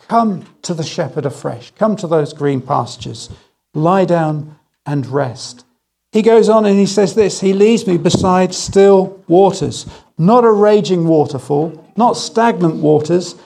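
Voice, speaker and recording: A middle-aged man preaching a sermon, telling stories with gentle humour and slowing down on key phrases. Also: on the high side, vocal fry. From England. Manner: storytelling with gentle humour, slow emphatic phrases. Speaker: guest speaker.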